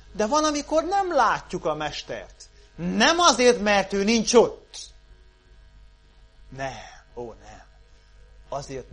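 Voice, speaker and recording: A man preaching a sermon, moving from loud calls down to hushed pleas. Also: sits high. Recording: mains hum underneath.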